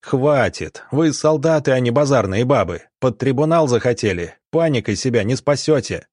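A man's voice: medium pitch, lively intonation, normal speed, a little mellow, no echo, studio quality, close to an everyday voice. A man voicing a firm young country doctor giving curt, decisive orders in an audiobook. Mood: stern.

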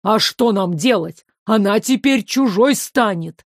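A woman's voice: mid-range voice, expressive, a little slow, no room sound, studio quality. A woman voicing a proud, hot-tempered male fire spirit who grumbles and sulks, in a storybook reading. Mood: grumbling. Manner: grumbling, sulky.

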